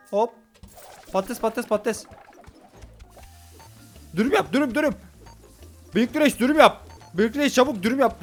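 A man giving hurried, excitable commentary while playing a restaurant game, talking to customers on screen. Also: high voice. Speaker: gaming YouTuber. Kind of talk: casual gameplay commentary.

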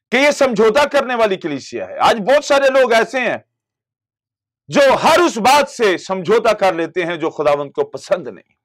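A very high-pitched, slightly bright male voice belongs to a middle-aged Pakistani pastor. Miked with a lapel mic in a studio, he delivers a sermon for television, his impassioned stress rising and falling while he gestures with both hands the whole time.

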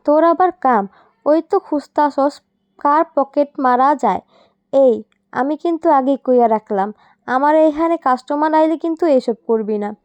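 A woman voicing a grumpy middle-aged male tea-stall keeper who scolds in rough. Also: sits high, normal speed, darkish tone, no echo, natural voice. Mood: angry.

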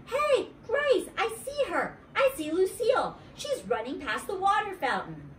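A woman's voice: sits high, very animated, moderate pace, a bit bright, recorded from a distance, slight background noise, voice pushed up. A woman voicing a bold, chatty little kindergarten girl who talks in bouncy, ungrammatical kid speech. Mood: excited. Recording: roomy, away from the mic.

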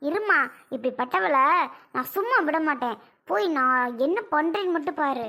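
A woman's voice: sits high, lively intonation, gravelly, bright, forceful tone, exaggerated voice. A woman voicing a hot-tempered young married daughter in a cartoon who speaks indignantly and defiantly. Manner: indignant, defiant, quick to anger. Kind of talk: cartoon voice acting.

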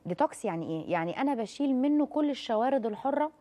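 Her voice sits high, mellow and lively in intonation: a thirty-something doctor with an Egyptian Arabic accent, a guest on a TV talk show in the studio. She gives medical advice quickly and affectionately, reassuring callers and addressing them as "dear."

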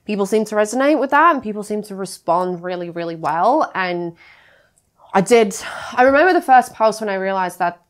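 A woman's voice: medium pitch, animated, a little fast. A woman from Latvia, a guest in a podcast studio, chatting casually with many fillers and restarts and frequent laughs. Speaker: guest, freelance graphic designer. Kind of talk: casual interview chat.

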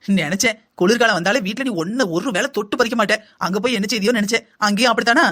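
A man's voice: sits high, very fast, pushed and bright. A man voicing a scolding older mother in a cartoon, lecturing her daughter.

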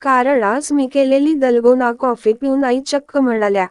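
A sharp-tongued young daughter-in-law who needles her husband, as a woman storyteller puts her on. Her voice is high, clear and dry. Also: steady tone, normal speed, no echo, natural voice. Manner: teasing, tart.

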